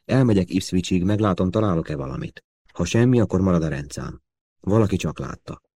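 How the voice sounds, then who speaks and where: A man reading the lines of a brisk male intelligence officer who gives clipped orders. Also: deep voice, lively intonation, mellow, no echo.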